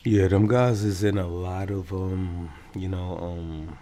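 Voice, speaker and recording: A man's voice: sits low, steady tone, slow pace, noisy background. A man giving slangy, laid-back commentary while reading a news story aloud. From Brooklyn, New York. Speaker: commentary host.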